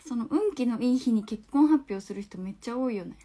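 Her voice is bright, high, and expressive, and she talks briskly: a twenty-something livestream host from the Hakata dialect area, chatting casually on her phone. Reading out viewer comments, she laughs a lot and now and then fades into soft, almost whispered murmurs.

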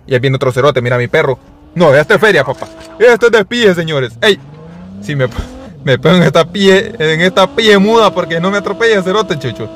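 A young man giving live gameplay commentary, excitable and full of profane slangy banter aimed at his viewers. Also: fairly high pitch, fairly quick. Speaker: gaming streamer.

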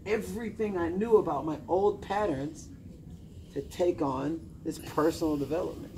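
In a noisy indoor lounge with an ambient hum, a man in his thirties sits among a small group and offers informal motivational coaching as a personal development coach. His fairly high, mellow voice moves at normal speed, emphatic and directive with short commands and questions.

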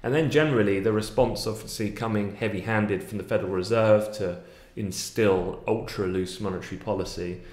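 A man's voice: lowish voice, a little fast, hardly any pauses, darkish tone, roomy sound. A man, giving fluent, analytical daily market commentary with frequent fillers from a small home office, recorded on a webcam at his desk.

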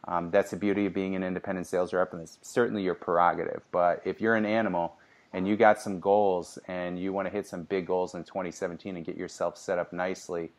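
A man's voice: low-pitched, level tone, quick pace. A man co-hosting a casual sales podcast, giving upbeat coaching advice with frequent restarts. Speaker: podcast co-host.

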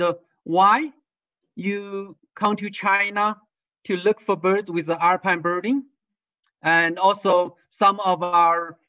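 Heard through tinny video call audio, a man from Tibet delivers an online talk on birding tours as a guest speaker. His voice is high-pitched and recorded from a distance without room sound, and his delivery is halting, packed with fillers and restarts.

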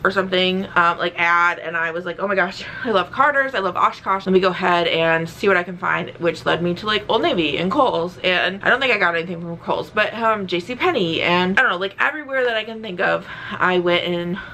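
A young woman vlogs from home in a bright, forceful voice. She is a little short of breath and rambles casually with plenty of fillers. A faint ambient hum sits under the recording. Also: lowish voice, a little fast. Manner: chatty and rambling, with frequent fillers and laughs. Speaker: vlogger. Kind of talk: casual chat.

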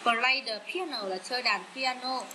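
A woman with a Vietnamese accent teaching English vocabulary, repeating each word slowly with many fillers. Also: on the high side, bright, forceful tone, slight background noise, rough recording. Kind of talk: slow bilingual vocabulary lesson.

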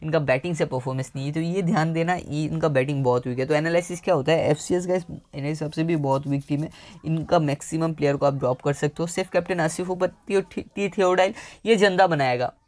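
A man's voice: a little high, steady tone, fairly quick, darkish tone. A man chatting casually to viewers, giving fantasy cricket team advice with frequent fillers, recorded on a home mic. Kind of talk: casual analysis talk to viewers.

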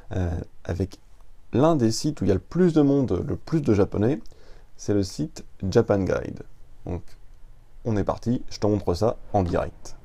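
A man's voice: on the low side, gravelly, dark tone. A man giving a casual screen-recorded tutorial, chatting informally with lots of fillers and restarts while typing at his computer. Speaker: Japanese tutor.

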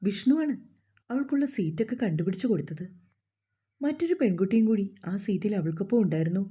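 A woman storyteller reads a scripted story in a steady, emotive way. Her voice is mellow and husky. The recording sounds dull and lo-fi. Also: medium pitch, fast.

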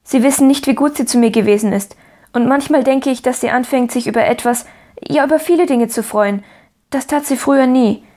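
A woman's voice: brisk, lightly acted. A woman voicing a cheerful, optimistic little orphan girl who talks eagerly and pleadingly in a raised voice. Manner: eager, pleading, bright and higher.

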